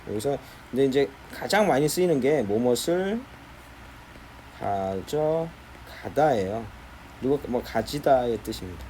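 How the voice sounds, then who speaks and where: A man with a medium-pitched voice, speaking a little slowly over slight hiss or hum, teaches a middle school English lesson. He explains textbook listening in Korean in a lively classroom manner, frequently opening sentences with "자".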